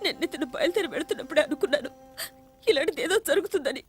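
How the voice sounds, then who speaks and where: A frightened, scolding older sister. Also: female voice, high voice, expressive, very fast, soft background music. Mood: fearful. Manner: scolding, fearful, tearful. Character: anxious protective older sister. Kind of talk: Telugu-dubbed film drama.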